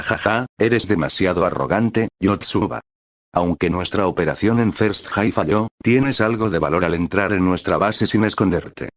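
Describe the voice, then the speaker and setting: A man's voice: low voice, no echo, studio quality, natural voice. A man voicing an arrogant male terrorist leader who mocks and laughs with scorn. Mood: mocking.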